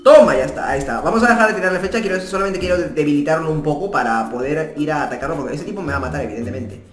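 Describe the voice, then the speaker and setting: Young guy gaming commentary, kinda high voice, yells now and then, echoey apartment. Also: very fast. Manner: chatty, with sudden excited outbursts. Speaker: gaming YouTuber. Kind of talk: casual gameplay commentary. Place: room in his new apartment. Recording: echoey room, faint background music.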